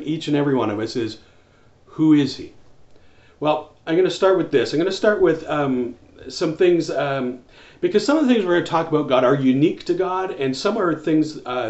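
A man's voice: medium pitch, darkish tone. A man in his forties preaching a home church sermon to camera, earnest, with many restarts and fillers. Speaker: pastor. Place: small room with wall shelves, indoors. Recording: roomy, slightly dull sound.

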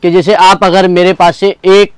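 A man with a high, smooth, resonant voice, pitching jeans in his wholesale shop. He talks persuasively and keeps coming back to the same selling points. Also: flat delivery, normal speed, dry recording. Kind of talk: sales pitch.

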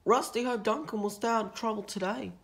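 A woman reading a children's storybook aloud in a steady, expressive way. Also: a little high, brisk, gravelly.

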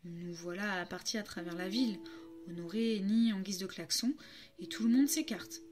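A French woman reading a children's story aloud, narrating as a timid harp in a playful, expressive way. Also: mid-range voice, moderate pace, faint music behind.

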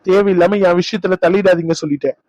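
A man plays a grown son who is a young doctor in a cartoon drama. He talks back in a quick, high, exasperated voice. The recording is close and dry. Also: steady tone, darkish tone, dry recording, lo-fi sound. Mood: defiant. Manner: defiant, exasperated. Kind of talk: cartoon dub acting.

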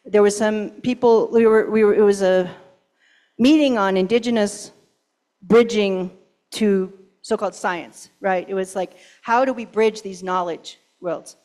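A woman's voice: medium pitch, fairly even intonation, unhurried, a little mellow. Emphatic woman giving a conference talk. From Pacific Northwest, US. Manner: emphatic, rhetorical questions, urgent. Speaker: conference keynote speaker.

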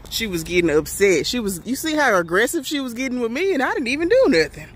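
Speaking fast in a fairly high voice with big pitch swings, a young woman playfully addresses her viewers in an outdoor college campus vlog. She films on a phone at arm's length, and a little hiss or hum is present.

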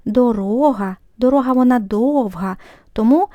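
A woman teaching a language lesson, patiently explaining grammar and repeating example sentences slowly and clearly. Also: fairly high pitch, no echo, dull audio.

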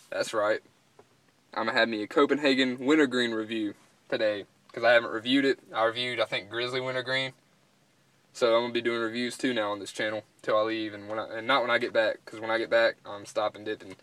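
A man's voice: mid-range voice, fairly even intonation, fairly quick, a bit bright, dry recording. Casual young man, dry sound. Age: young adult. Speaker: vlogger and dip reviewer. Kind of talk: casual chat. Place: inside a parked pickup truck cab.

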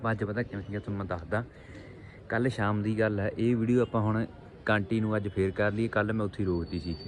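A pigeon-keeping vlogger talks fast in a low, steady voice, chatting casually to viewers like mates on a home rooftop. The rustic vlog is recorded outdoors with noisy ambience and birds in the background.

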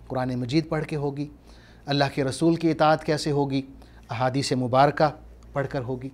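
A man with a Pakistani Urdu accent giving a measured religious lecture, stressing his points and reciting Arabic verses. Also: a little high, a little mellow. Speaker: Islamic scholar.

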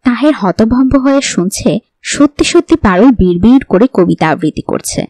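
A woman narrating a horror novel in a calm storytelling voice. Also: a little high, moderate pace, dry recording. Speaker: audiobook narrator. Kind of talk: storybook narration reading all parts.

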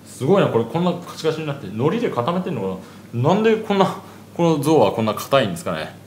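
A man's voice: mid-range voice, big pitch swings, fast, a little mellow, reverberant, slight background noise. A man touring a hotel suite on camera, chatting casually with many fillers and asides. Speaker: travel vlogger. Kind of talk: casual room tour narration. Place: large hotel suite, indoors. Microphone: handheld 360 camera.

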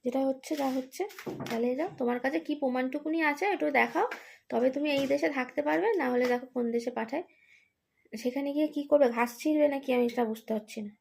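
A woman's voice: high voice, quick pace, creaky, darkish tone, a little hiss or hum. A woman, tired, rambling through an exasperated casual vlog monologue with many fillers. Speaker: vlogger, daughter caring for her ill father.

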